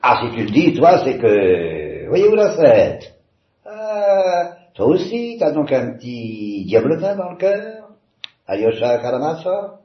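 A man reading a novel aloud, voicing a bitter, tormented young man who swings from wry irony to anguished outbursts. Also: fairly low pitch. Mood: anguished, ironic. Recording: roomy, slightly dull.

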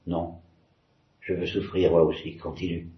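A man reading aloud, voicing a gentle young novice monk who speaks softly and in a subdued way. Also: deep voice, lively intonation, fairly quick. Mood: hushed, pained. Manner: soft, hushed and subdued. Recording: roomy, slightly dull.

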